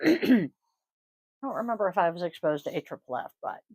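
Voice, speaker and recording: A woman's voice: fairly low pitch, lively intonation, fast talker, darkish tone, no room sound. A middle-aged woman hosting a podcast in casual chat, chatty, laughing often and swearing casually. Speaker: podcast host, yoga teacher.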